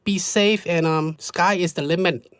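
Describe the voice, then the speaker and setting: Male podcast host, higher-pitched voice, dry close recording, casual slangy chat peppered with "you know". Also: fairly even intonation, unhurried, a bit bright, smooth, no room sound. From United States.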